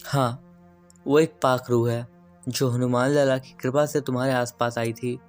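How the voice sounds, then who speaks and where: A man doing a calm reassuring priest. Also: mid-range voice, unhurried, soft background music, close to an everyday voice. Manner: reassuring, explaining.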